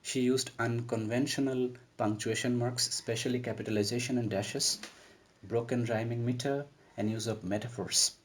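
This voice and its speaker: This literature lecturer speaks at normal speed with a mid-range voice and fairly even intonation. In his recorded lesson on a poem, he methodically explains terms step by step.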